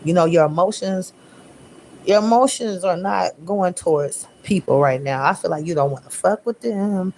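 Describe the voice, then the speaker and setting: A woman's voice: on the low side, normal speed, slight background noise. A woman giving a casual tarot reading, talking bluntly with lots of profanity and slang. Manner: profane, blunt, animated slang-heavy talk; mimics listeners in raised voice. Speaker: tarot reader.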